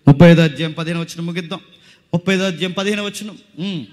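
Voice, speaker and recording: A man preaching a sermon at a village youth meeting, swinging from loud exhortation to hushed storytelling. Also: fairly high pitch, racing. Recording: long hall reverb.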